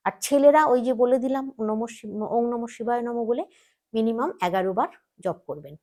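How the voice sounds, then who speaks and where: A woman's voice: on the high side, dark tone. Woman giving patient devotional advice. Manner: patient, instructive, repeats steps slowly. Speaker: host of a devotional advice channel. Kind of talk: casual spiritual advice talk.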